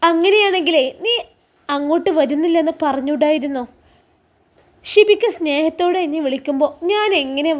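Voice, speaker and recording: A grieving young student girl, voiced by a woman storyteller, her words pleading and close to tears. She speaks with a Malabar Malayalam accent in a high voice. It is a spoken storybook role. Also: darkish tone, highs cut off, close to an everyday voice. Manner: sad, pleading, trembling lips.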